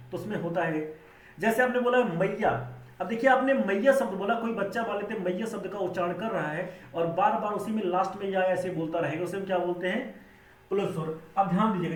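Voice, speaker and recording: A man gives an exam-prep grammar lesson in a high voice, over and over asking the class a question and then answering it himself. He sounds somewhat distant from the mic, and the room around him is roomy and echoing. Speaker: Hindi grammar teacher.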